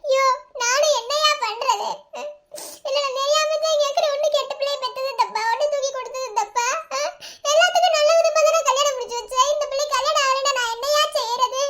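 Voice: very high-pitched, a little fast, bright, forceful tone. A performer voicing a worn-out, beaten mother in a cartoon, lamenting and pleading with a Madurai accent. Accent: Madurai Tamil.

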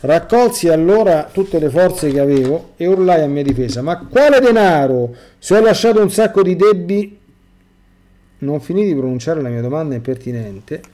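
A middle-aged priest with a mellow, dark voice, giving a sermon. He reads a first-person testimony and breaks off to press points on his listeners. His delivery stays at an average pitch for a man. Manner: reads aloud then breaks off to exhort listeners directly. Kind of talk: sermon reading and commenting on a testimony.

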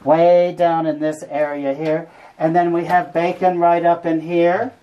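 Low-voiced, folksy woman guiding a tour. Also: flat delivery, measured pace, lo-fi sound. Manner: folksy, joking. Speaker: cave tour guide. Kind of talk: informal guided tour talk to a group. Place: inside a cave among a tour group. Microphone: visitor's camera at some distance. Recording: noisy on-location camera audio.

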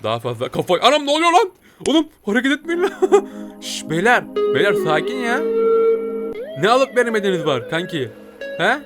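Excitable man in a game commentary. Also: high voice, brisk, music in the background. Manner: excitable, jumpy exclamations and repeated words. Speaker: gaming video host. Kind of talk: playful let's-play commentary, speaking as a talking cat.

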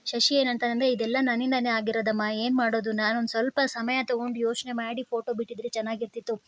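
A woman with a Kannada accent rattles through a TV serial recap in an even, almost flat voice that stays a touch high. She tells the story casually and folds the characters' lines into her own telling. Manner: rapid, even storytelling with quoted dialogue. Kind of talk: casual retelling of a TV serial episode.

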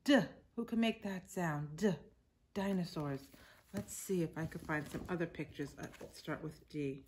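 Reading to young children in her living room, this teacher in her forties sounds low-pitched, a little slow and a little mellow, and there's a slight hiss or hum. She tells the picture book in simple phrases, leaning on key words and adding small asides for the children, as at storytime.

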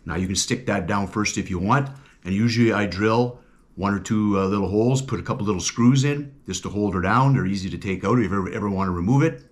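Speaking in a very deep voice, this middle-aged outdoors-channel host gives an easygoing, matter-of-fact walkthrough of a project, dropping in the odd "uh" as he goes. The casual demonstration happens at an indoor workbench, filmed from above so his hands fill the frame.

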